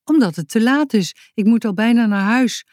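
A woman voicing a calm, matter-of-fact girl in a children's audiobook. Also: a little high, moderate pace, no echo, studio quality, voice pushed up, close to an everyday voice.

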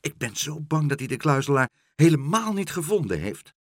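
A fussy, worried older gentleman, voiced by a man frets aloud in a somewhat raised, husky voice that swings up and down a lot. The sound is close and dry. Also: medium pitch, huge pitch swings, moderate pace, dry recording, heavily acted. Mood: anxious. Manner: worried, fretful.

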